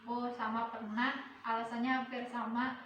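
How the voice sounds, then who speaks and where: Bright young woman. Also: on the high side, level tone, slight background noise. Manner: brisk, prompting others. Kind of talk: casual chat, question game among friends. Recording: echoey room, far from mic, faint ambience.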